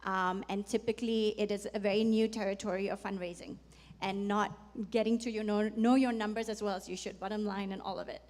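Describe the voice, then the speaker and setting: A woman's voice: medium pitch, steady tone, brisk, darkish tone. A woman who founded a company, talking frankly and conversationally on a panel. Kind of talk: panel discussion. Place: conference hall. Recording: long reverb in a conference hall.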